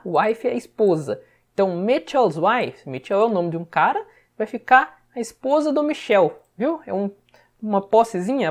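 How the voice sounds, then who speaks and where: A woman's voice: medium pitch, a little mellow. Chatty Brazilian woman teaching English. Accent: Brazilian Portuguese. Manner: chatty, repeats "tá?" to check understanding. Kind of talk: casual explanatory lesson.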